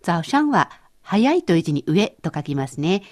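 A woman's voice: lowish voice, sing-song, moderate pace. A woman co-hosting a scripted language lesson, explaining phrases in a conversational way. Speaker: language teacher co-host.

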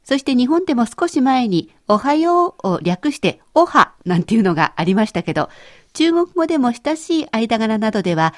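A woman's voice: on the high side, big pitch swings, moderate pace. A woman co-hosting a scripted language lesson, explaining phrases in a conversational way. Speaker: language teacher co-host.

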